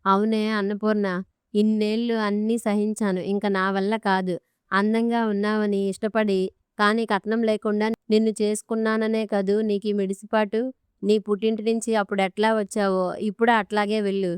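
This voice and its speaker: A woman's voice: medium pitch, little pitch movement, normal speed, smooth, no echo, natural voice. Woman voicing a blunt old father-in-law, commanding, clean dry audiobook sound. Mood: stern. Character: stern older man, a firm father-in-law.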